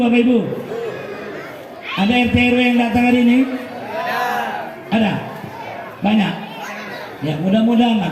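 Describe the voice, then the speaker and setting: A man's voice: extremely high pitch, noisy background. A man preaching a humorous sermon at a mosque gathering, joking with the congregation and calling out to them constantly. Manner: joking, calls out to listeners constantly. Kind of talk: humorous sermon with crowd banter. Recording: echoey mosque hall, crowd murmur.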